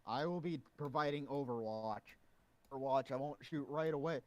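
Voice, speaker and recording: A man's voice: mid-range voice, moderate pace, dry recording. Stumbling male player, dry sound. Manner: stumbling, restarting speech. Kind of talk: casual tabletop game chat.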